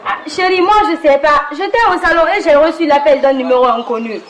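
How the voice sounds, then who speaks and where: A woman's voice: high voice, fast, noisy background, natural voice. A woman playing a worried mother who explains herself in a flustered way.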